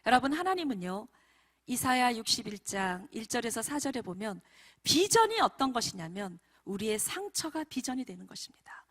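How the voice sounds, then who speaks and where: Lively woman preaching a story sermon. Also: on the high side, moderate pace. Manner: animated storyteller, often addressing the congregation directly. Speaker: missionary preacher. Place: church prayer meeting.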